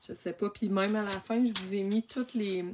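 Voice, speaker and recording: A woman's voice: mid-range voice, steady tone, moderate pace, a little hiss or hum. A woman with a Québécois French accent giving a casual, chatty rundown of craft products, often restarting her sentences and laughing at her own slips. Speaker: craft supply consultant.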